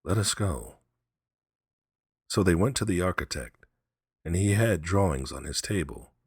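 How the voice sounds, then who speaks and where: An audiobook narrator with a low, slightly rough, expressive voice reads a story aloud at normal speed as scripted storybook narration. The sound is clean studio audio with no room sound.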